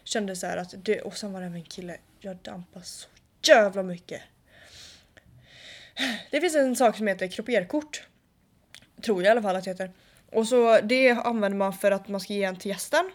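A young woman co-hosting a casual chat, telling a story in a lively way and acting out dialogue. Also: medium pitch, pauses often. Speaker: podcast co-host.

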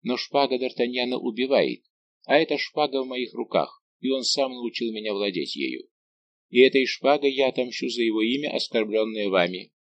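A young viscount who speaks coldly and calmly, each word measured and stern, as a man reads him. He stays collected even under insult. Told as an audiobook drama. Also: mid-range voice, dry recording, lo-fi sound, natural voice. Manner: cold, measured.

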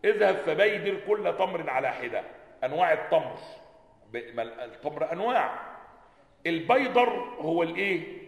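A man with an Egyptian accent teaching a religious lesson, animated, asking his listeners questions and answering them himself. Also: high voice, creaky. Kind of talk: classroom lesson explaining a hadith text. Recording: echoey hall with long reverb.

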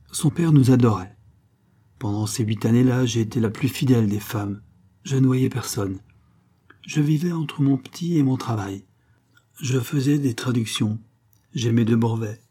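A man reading a frightened young mother's hushed confession in an audiobook, with a dark, husky voice. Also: mid-range voice, lightly acted.

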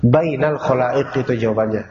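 A man teaching an informal Quran class, quizzing and gently teasing his students, with Arabic phrases woven into casual talk. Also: medium pitch, fairly quick. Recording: echoey hall, dull lo-fi, audible room noise.

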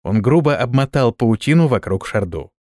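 A man narrating a fantasy audiobook in a lively storytelling manner. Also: medium pitch, moderate pace, dry recording, studio quality.

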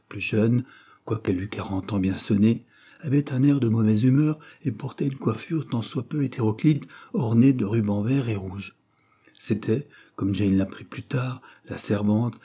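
A man reading a novel aloud in steady, measured scripted narration. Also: on the low side, breathy edge. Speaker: audiobook reader.

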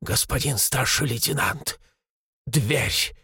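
A man's voice: high voice, big pitch swings, moderate pace, fairly bright tone, husky, no echo, clean studio sound, pitched above the performer's own voice, heavily acted. A man voicing a frightened young male police sergeant who talks in a shaky, stammering way. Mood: terrified. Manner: trembling, stammering.

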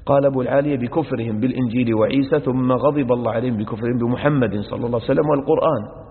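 A man's voice: medium pitch, very fast. A male sheikh gives a religious lesson on Quran verses. He repeats each verse phrase and explains it word by word, and he speaks to his listeners as brothers. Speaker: sheikh teaching Quran exegesis. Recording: echoey hall over a narrow phone-like line.

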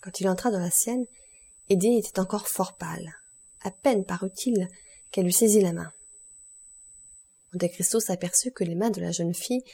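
A woman reading a classic novel aloud as an audiobook, in steady scripted narration. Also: mid-range voice, vocal fry, slightly rough. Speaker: audiobook reader.

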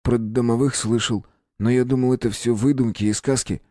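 A man's voice: mid-range voice, fairly even intonation, brisk, mellow, no room sound, studio quality, pitched above the performer's own voice, close to an everyday voice. A man voicing a polite, curious young boy in an audiobook, asking hesitant questions. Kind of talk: audiobook character voice.

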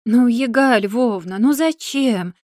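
A woman voicing an exasperated, sharp-tongued young wife who pleads and needles in turn. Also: a little high, no echo, studio quality, lightly acted. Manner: pleading and sarcastic, drawn-out complaints.

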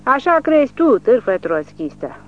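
Reader putting on a drunk loudmouth soviet official guy, keeps yelling and ranting, audiobook kinda muffled w faint hum. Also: fairly high pitch, animated, close to an everyday voice. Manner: ranting, shouting insults. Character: drunk bullying male Soviet village official.

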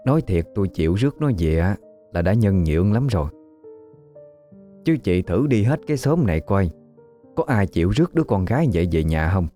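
A man's voice: sits low, sing-song, a little fast, dark tone, soft background music. A man voicing a scheming, domineering older village woman in a spoken ghost story. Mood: falsely polite.

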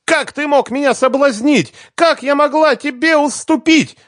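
Male reader doing a high, loud, hysterical young woman; sobbing and shrieking. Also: normal speed, no room sound, studio quality, natural voice. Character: hysterical young woman singer, tearful, shrill. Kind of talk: audiobook character voice.

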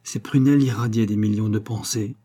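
A man narrating a classic novel as an audiobook, in a measured literary reading. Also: lowish voice, fairly even intonation, dark tone.

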